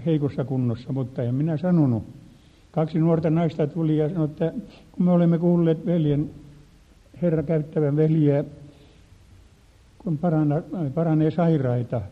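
Older guy preaching, gets loud and fervent telling his story, echoey hall, kinda muffled. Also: on the high side. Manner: fervent storytelling, building to shouts. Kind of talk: testimony sermon. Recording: dull, long-reverb hall sound.

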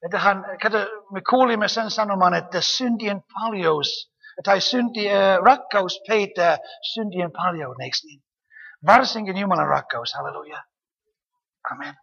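A woman preaching a lively sermon, often calling out hallelujah and amen and asking her listeners rhetorical questions. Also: medium pitch, vocal fry, slightly rough, dull audio. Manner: animated, frequent hallelujahs and amens, rhetorical questions. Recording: long hall reverb.

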